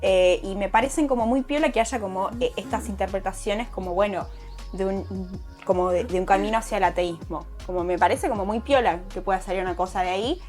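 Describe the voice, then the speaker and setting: A young woman with an Argentine accent, speaking as a guest poet in a relaxed conversation and pausing often to find her words. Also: medium pitch, faint music behind. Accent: Argentine Spanish. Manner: thoughtful, hesitant, many fillers. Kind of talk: casual conversation.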